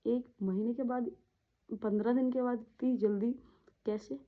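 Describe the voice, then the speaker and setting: A woman telling a personal story in a halting, repetitive way, often trailing off, with a grieving tone. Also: fairly high pitch, fairly even intonation. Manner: emotional, grieving tone. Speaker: vlogger. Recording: tinny phone-like audio.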